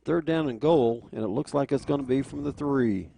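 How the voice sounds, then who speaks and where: Gravelly American football play-by-play man. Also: medium pitch, moderate pace, warm tone, a little hiss or hum. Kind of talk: live play-by-play sports commentary.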